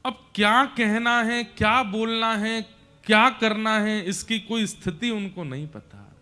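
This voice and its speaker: High, bright-voiced devotional storyteller man. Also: slow. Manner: emotive, dramatic narration.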